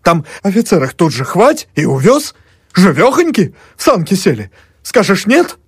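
A man voicing a desperate peasant man who yells pleas and boasts out of a window at a hostile crowd, as part of an audiobook reading. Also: very animated, moderate pace, slightly rough, no room sound, studio quality, full character voice. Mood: insistent. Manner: bellowing, desperate, high-pitched yelling. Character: frantic peasant man shouting at a mob.

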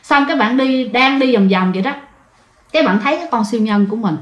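Speaking quickly and expressively in a slightly high voice, a woman chats directly with her audience as she relates a ghost story. The sound is muffled, with a roomy, echoey quality.

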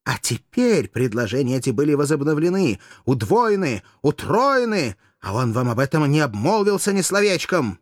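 Мужчина озвучивает молодую коварную куртизанку, театрально, с мольбой и надрывом, в аудиокниге. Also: male voice, moderate pace, warm tone, dry recording, studio quality, close to an everyday voice. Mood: impassioned. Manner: shrill, pleading, theatrical. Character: scheming young female courtesan, passionate, manipulative. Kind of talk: audiobook character voice.

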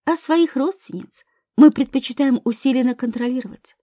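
A woman's voice: high-pitched, moderate pace, warm tone, no echo, clean studio sound. A woman voicing a mocking young stepbrother. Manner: mocking, growling.

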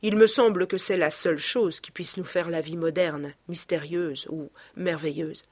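A woman's voice: fairly low pitch, steady tone, normal speed, husky. A woman reading aloud as a young male painter, earnest and emphatic, guarding a secret.

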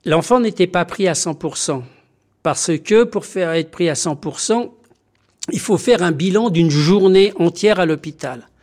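A man who is a doctor and community health activist, giving documentary interview testimony in an earnest, emphatic way with frequent pauses and hesitations. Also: high voice, darkish tone.

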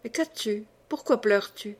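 Woman voicing a soft-spoken young lover. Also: on the high side, normal speed, natural voice. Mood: tender. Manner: soft, murmured. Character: tender anxious young man in love. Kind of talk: audiobook character voice.

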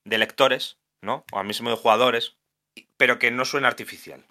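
Speaking at a moderate pace with a medium pitch and sharp tone, this Asturian man, a video game translator, is a guest in a casual podcast conversation. His speech is thoughtful, full of restarts and self-corrections as he works through his ideas.

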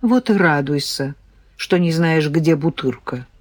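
A woman voicing a weary middle-aged woman who brings parcels to a prisoner, talking quietly and sighing. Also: low voice, animated, unhurried, no echo, clean studio sound.

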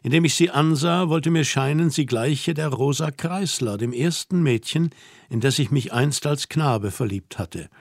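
A man reading a novel aloud in the first person, in a measured, reflective manner. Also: a little high, dry recording, clean studio sound. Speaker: audiobook narrator. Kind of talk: literary audiobook narration.

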